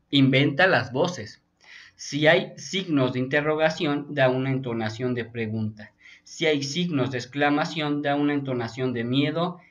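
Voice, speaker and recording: A man's voice: fairly high pitch, a bit bright. A male teacher, patiently walking young students through a textbook in an online class and often checking in with "ok?". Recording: dull lo-fi sound.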